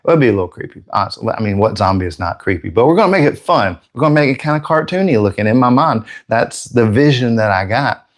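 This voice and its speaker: A man's voice: medium pitch, lively intonation, fast. A man hosting a live airbrush painting stream, chatting casually and joking with viewers, slightly out of breath.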